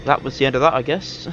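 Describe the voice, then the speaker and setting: A man giving casual, rambling commentary while playing a video game, often correcting himself mid-sentence in an easygoing way. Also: mid-range voice. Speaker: gameplay commentator. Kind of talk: casual live gameplay commentary. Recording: dull lo-fi mic with game noise. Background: game engine and vehicle noise.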